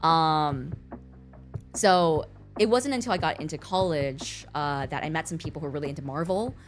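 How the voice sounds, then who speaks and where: At a moderate pace and with soft music in the background, a young adult streamer chats in a giggly, talkative manner. Her accent is American, while her first language is Mandarin, as she was born in China and raised in the US from around age six. Her voice is low-pitched.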